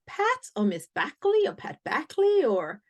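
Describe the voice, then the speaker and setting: An American woman hosts a podcast, reading out a guest's introduction and then interviewing them in a deliberate, clear manner. Her voice sits high, with wildly swooping pitch, and the recording sounds muffled.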